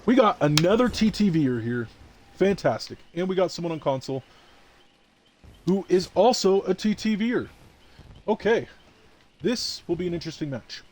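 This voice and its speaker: A man's voice: high-pitched, lively intonation, moderate pace, pauses often, a little mellow. A tired man streaming a game live, chatting and boasting playfully to his chat. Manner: boastful, playful trash talk. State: tired, yawning. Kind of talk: live gameplay commentary.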